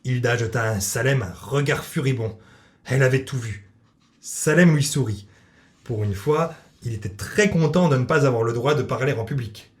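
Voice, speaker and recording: A man narrating a children's audiobook in a lively, expressive way. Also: mid-range voice, normal speed.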